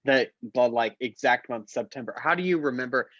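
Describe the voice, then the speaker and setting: Husky young woman on dull call audio. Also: extremely low pitch, fairly quick, fairly bright tone, no echo. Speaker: podcast co-host. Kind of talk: casual podcast chat over a call.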